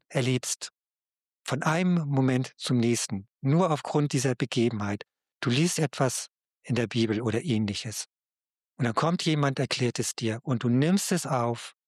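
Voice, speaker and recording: Husky-voiced man preaching gently. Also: medium pitch, no room sound, clean studio sound. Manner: gentle, personal, addresses listener directly. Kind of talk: devotional Bible talk.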